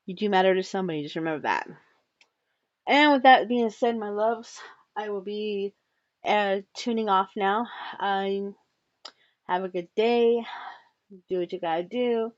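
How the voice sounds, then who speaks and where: A woman's voice: mid-range voice, unhurried, long pauses, no echo, lo-fi sound. A woman hosting her own channel, talking casually and frankly to her viewers and swearing freely. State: coughing and hiccuping. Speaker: channel host. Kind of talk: casual solo commentary.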